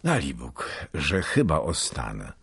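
Male reader as weary knight, deep, husky, calm. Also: a little slow, full character voice. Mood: steady. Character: small brave knight, tired yet steady.

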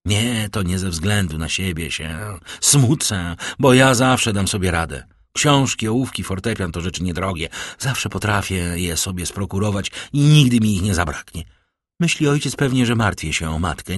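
A man's voice: low-pitched, lively intonation, normal speed, dry recording, studio quality. A man voicing a proud, scornful young woman who defies her father, in an audiobook reading. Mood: haughty defiance. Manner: cold, haughty, defiant.

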